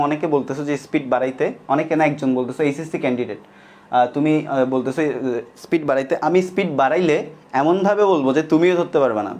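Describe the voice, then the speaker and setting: A young male teacher with a somewhat high voice leads an online class. He speaks slowly and deliberately, repeating lines for students to copy down. He keeps asking his own questions and then answering them. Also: a little mellow.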